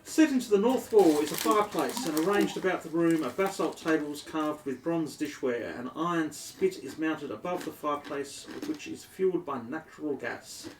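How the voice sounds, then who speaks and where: A man with an Australian accent serves as dungeon master, narrating a tabletop game descriptively in a high-leaning voice at normal speed with hardly any pauses, though with many ums. He's recorded in an echoey room on a distant mic with faint noise.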